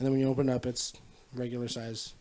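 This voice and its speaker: A man's voice: medium pitch, little pitch movement, quick pace, dark tone, slight background noise. Hesitant, stammering podcast guy. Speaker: podcast co-host. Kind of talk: casual chat.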